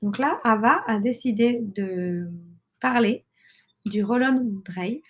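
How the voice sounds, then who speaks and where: A woman's voice: a little high, slow. A woman, hosting and explaining casually to listeners with frequent hesitations and fillers. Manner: hesitant, many fillers and restarts. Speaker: podcast host and mother.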